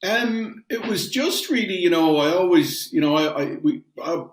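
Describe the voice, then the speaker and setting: As an interview guest, a middle-aged Irish metals company founder from Dublin talks conversationally from his spacious home in Ireland, with frequent fillers and restarts. His fairly high voice has lively intonation and a moderate pace, and the audio sounds roomy.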